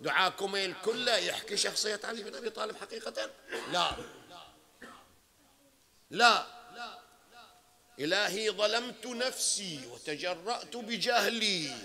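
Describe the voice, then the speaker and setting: Bahraini sheikh giving a talk, high and very bright voice, chatty then forceful. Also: male voice. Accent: Bahraini Arabic. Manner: conversational, checks in with listeners, rising to emphatic peaks. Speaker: sheikh lecturing at a mourning hall. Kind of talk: religious lecture.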